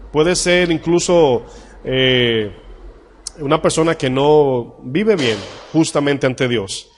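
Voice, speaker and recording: A male pastor with a voice on the high side preaches a sermon, reading Bible verses slowly and emphatically. He asks the congregation questions and acts out short dialogues, changing his voice for each part.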